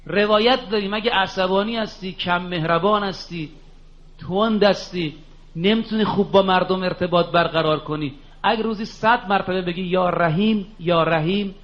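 A man giving a sermon, earnest, telling stories and asking rhetorical questions. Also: high voice. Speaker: preacher. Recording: dull lo-fi recording.

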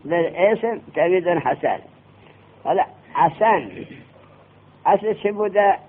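A man teaching a classroom grammar lesson, quizzing his students with quick questions. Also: high voice, animated, a little hiss or hum. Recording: tinny lo-fi classroom recording.

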